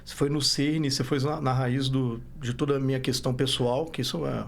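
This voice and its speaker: A gravelly man's voice, medium in pitch, moves fairly quickly with fairly even intonation. The speaker, a startup founder from Brazil who was born in Rio and raised in Belo Horizonte, has a Minas Gerais accent. Casually talking as a podcast guest, he rambles, restarts sentences often, corrects himself and says "né?" frequently.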